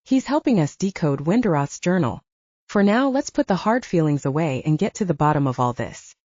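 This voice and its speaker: A woman voicing a sweet, gentle young woman who speaks in a soothing way. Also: low voice, sing-song, brisk, no echo. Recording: dull lo-fi.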